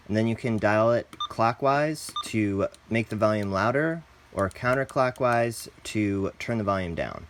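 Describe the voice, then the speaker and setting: A man with a mid-range voice hosts a step-by-step product tutorial, keeping it casual and plainly instructional and calling his viewers "guys." There's a faint hiss or hum on the recording.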